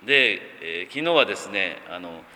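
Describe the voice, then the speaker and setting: A male pastor gives a sermon, first reading scripture in a measured way and then musing informally with frequent fillers. His voice is very bright and forward. A long reverb trails after each phrase. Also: sits low, animated.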